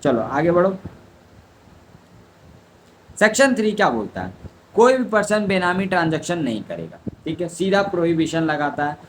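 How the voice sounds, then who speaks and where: A man's voice: a little high, sing-song, moderate pace, pauses often, slight background noise, rough recording. A young man tutors exam students in law, explaining step by step and answering his own questions. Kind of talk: exam revision lecture.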